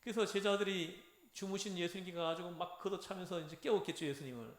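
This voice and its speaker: A man giving a lively Bible lecture, acting out lines and having his class repeat them. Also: sits high, fast. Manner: animated, acts out dialogue, has audience repeat phrases. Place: church lecture room. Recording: echoey room.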